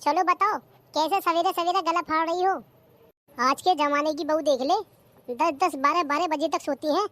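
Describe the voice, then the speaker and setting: A woman's voice: fairly even intonation, moderate pace, fairly bright tone. A performer voicing a bossy, nagging older mother-in-law in a cartoon comedy. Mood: scolding. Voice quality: shrill, nagging.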